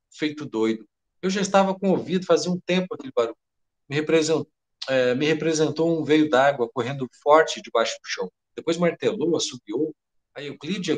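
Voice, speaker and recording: A man's voice: on the high side, lightly acted. A man with a Brazilian Portuguese accent reading the part of a frightened head cook who babbles breathlessly and swears by his mother. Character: panicked middle-aged male head cook.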